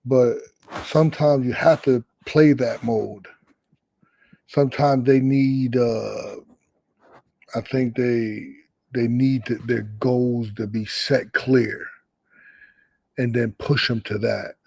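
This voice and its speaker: A middle-aged man speaking as a boxing coach, with a gravelly edge to his mid-range voice. He talks loosely and frankly, cursing casually. The sound is dry and close. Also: medium pitch, steady tone, takes it slowly, pauses often, a little mellow, no echo, rough recording. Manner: loose and candid, swears, laughs easily. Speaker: boxing head trainer. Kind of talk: casual interview answers.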